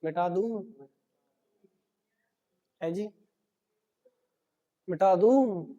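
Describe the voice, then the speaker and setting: A man's voice: high voice, very slow, mellow, in a large hall, highs cut off. A male math teacher lecturing a class, often repeating a key word as a question to the students.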